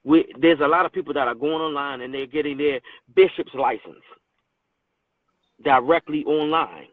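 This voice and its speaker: A man's voice: a little high, normal speed, no echo, narrow, tinny audio. A man joining a Bible study discussion, agreeing with the others and chiming in with his own view. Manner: affirming, chimes in with agreement.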